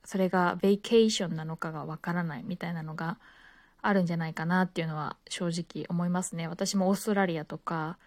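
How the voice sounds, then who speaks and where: A Japanese woman talks on her own in an easygoing podcast style, her voice sitting a little low. She pauses often with soft fillers. The sound is dry and close. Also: no room sound. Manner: relaxed, many fillers. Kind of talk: casual solo talk.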